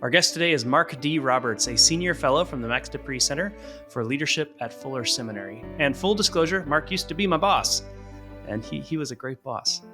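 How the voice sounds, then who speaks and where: A male podcast host with an earnest, reflective delivery. His voice sits in the middle range. Plucked guitar music plays clearly behind him throughout. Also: medium pitch, fairly quick, sharp tone. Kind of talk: scripted podcast intro and interview.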